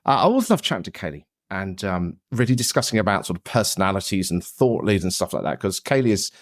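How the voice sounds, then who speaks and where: A man's voice: low-pitched, very animated, fast talker, no room sound, clean studio sound. A man hosting a public relations podcast, moving from a scripted intro into chatty talk with fillers. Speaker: podcast host. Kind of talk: scripted podcast intro then casual chat.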